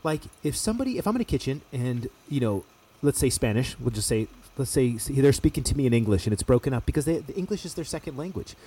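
A man's voice: mid-range voice, very animated, quick pace, mellow, a little hiss or hum. A man with an American accent chatting casually as a chef, emphatic and slangy with plenty of swearing. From United States. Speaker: chef making cooking videos. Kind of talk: casual podcast-style chat.

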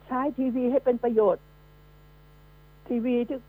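A woman runs a radio news commentary, scolding and emphatic as she throws rhetorical questions at her listeners. Her voice sits fairly high and comes through a narrow, phone-like line. A low mains hum runs underneath. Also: flat delivery, measured pace.

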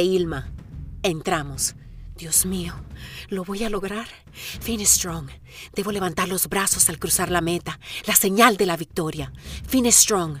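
A middle-aged woman narrates her marathon in the first person, with reflective inner-monologue narration and sudden bursts of excitement. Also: medium pitch, slight background noise.

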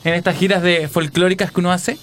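A young Chilean man with a notably high voice hosts a radio conversation, chatty and full of little hesitations. Faint noise hums under the recording. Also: fairly even intonation, fast talker, fairly bright tone. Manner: chatty, hesitant, mimics accents. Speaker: radio host. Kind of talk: radio chat.

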